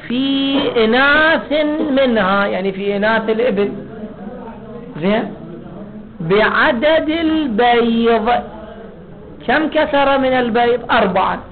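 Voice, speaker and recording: An Iraqi-accented man lectures in a high, light voice, quizzing his class and drawing out the words he wants to stress. The sound is thin and tinny, as if heard through a phone line. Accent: Iraqi Arabic. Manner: asks the class questions and answers them himself; drawn-out stress on key words. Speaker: religious law teacher. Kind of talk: seminary lecture explaining a legal text.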